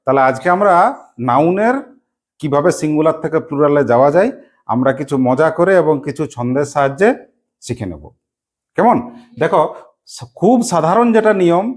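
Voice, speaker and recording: A woman teacher runs a classroom grammar lesson in a lowish voice. She keeps the class engaged with constant questions and spells words out one letter at a time. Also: lively intonation, normal speed, pauses often, darkish tone. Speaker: English teacher.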